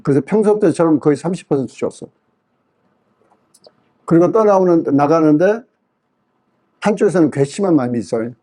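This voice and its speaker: A man with a fairly high voice and a soft, mellow tone is preaching. He tells a personal story from the pulpit, taking on the voices of the people he quotes. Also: brisk, pauses often. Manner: lively storytelling that acts out quoted speech. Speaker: pastor. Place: church revival meeting.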